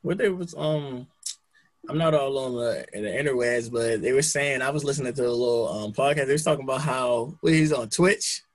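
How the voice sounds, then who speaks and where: A man's voice: medium pitch, fairly quick. A man co-hosting a casual podcast, telling stories animatedly and slipping into quoted voices. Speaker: podcast co-host.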